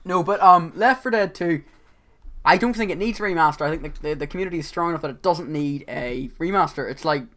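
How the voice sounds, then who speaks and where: A man's voice: a little high, fast talker, sharp tone. A man hosting a casual gaming podcast, talking energetically with a sore voice and stumbling over repeated words. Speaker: podcast host.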